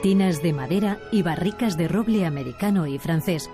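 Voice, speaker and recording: A woman reading scripted documentary narration in a calm, measured manner. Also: on the low side. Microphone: studio voice-over. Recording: voice-over with music behind.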